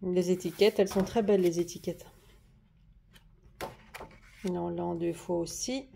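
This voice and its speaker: Chatty French woman with a mellow voice. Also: lowish voice, steady tone, moderate pace, creaky, slight background noise. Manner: chatty, hesitant, many fillers and restarts. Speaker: craft haul vlogger. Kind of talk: casual show-and-tell vlog. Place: at home at a desk. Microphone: camera on the desk, moved closer and back.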